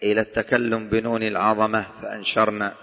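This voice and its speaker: A male teacher giving a Quran commentary lesson. He dictates to his students, repeats key points and recites verses slowly between his explanations. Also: fairly low pitch, monotone, sharp tone. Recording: dull echoing hall recording.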